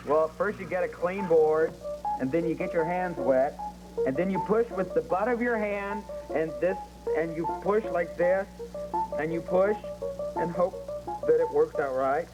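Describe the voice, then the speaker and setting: A man's voice: on the high side, a little slow, poor audio. A man making casual comic banter as a celebrity game show panelist. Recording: 1980s TV studio, loud music bleed.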